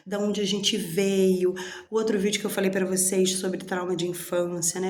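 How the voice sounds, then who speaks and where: A woman's voice: mid-range voice, echoey room. A woman hosting her own channel, sharing personal reflections in a candid, chatty way and acting out her inner dialogues. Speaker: channel host.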